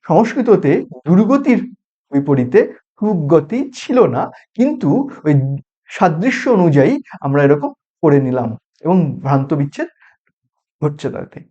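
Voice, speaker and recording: A man with a Bengali accent lectures in a measured, explanatory way, lingering on each example. His voice sits high for a man, with a mellow, warm tone. The recording is dull and lo-fi, like an educational broadcast. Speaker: university lecturer.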